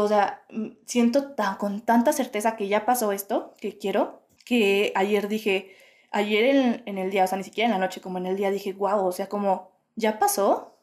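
A woman's voice: medium pitch, a little mellow. A young woman musing in a reflective spiritual monologue, full of fillers. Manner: musing, many fillers like "o sea" and "como". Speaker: podcast host. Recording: roomy, echoey home room.

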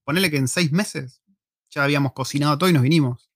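With a slightly high voice and a quick pace, an Argentine man with an Argentine Spanish accent hosts a live, easygoing chat from home using a desk mic. He cracks jokes, talks in slang, and tells animated stories, all in a dry, clean studio recording.

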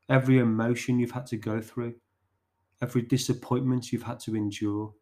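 A man hosts his podcast and tells a short story. His delivery is slow and deliberate, with pauses between phrases. His voice sits at a medium pitch. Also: mellow.

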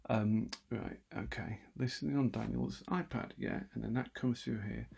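A man talking quietly and wryly at night from a room in his house, hosting a solo radio show with lots of asides and restarts. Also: medium pitch, moderate pace, creaky, husky. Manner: self-deprecating, wry, full of asides and restarts; talking quietly, half-whispering at times. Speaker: radio host. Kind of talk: rambling late-night solo radio chat.

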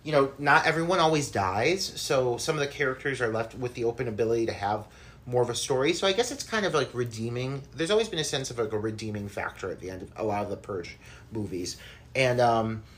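A man's voice: medium pitch, lively intonation, quick pace, fairly bright tone. A man guesting on a podcast, talking enthusiastically about movies in a rambling, casual way. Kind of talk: casual pop culture chat.

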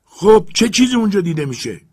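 A male audiobook narrator plays an excitable, obsessed master barking orders with loud urgency. His voice sits above the narrator's own. It keeps a husky, gravelly texture throughout. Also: mid-range voice, pitched above the performer's own voice. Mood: urgent, commanding. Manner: loud urgent shouted commands.

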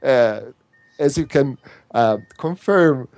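Animated and darkish in tone, this medium-pitched Italian man, a workshop instructor and native Italian speaker, talks earnestly as an interview guest. He frequently restarts and repeats words, and the recording is dry.

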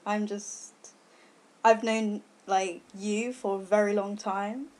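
A young woman, a podcast guest, chatting casually in a soft, hesitant way that trails off. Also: medium pitch, level tone, slow.

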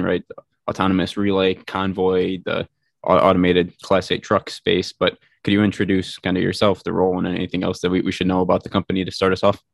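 A man hosting a podcast interview, talking in a halting way and often repeating words. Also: deep voice, creaky, dry recording, studio quality. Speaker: podcast host.

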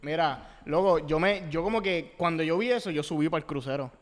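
A podcast co-host, a man with a slightly high voice, speaks in halting bursts and teases the others. A long reverb hangs behind his words. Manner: halting, teasing interjections. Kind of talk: casual chat.

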